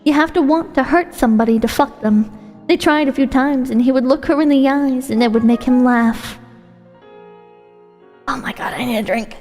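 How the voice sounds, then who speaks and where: A woman's voice: high voice, brisk, a little mellow. A woman reading a short story aloud as its narrator. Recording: long hall reverb with music.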